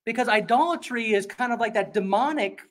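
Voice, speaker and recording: A male pastor preaching an expository sermon in a conversational, emphatic way, often slipping into quick acted-out voices. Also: very high voice, fairly bright tone, slight background noise.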